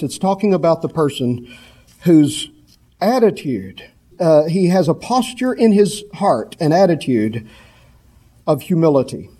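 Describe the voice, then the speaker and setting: High-voiced, mellow-toned male preacher. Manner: emphatic, repetitive cadence, slows for scripture quotes. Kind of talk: sermon.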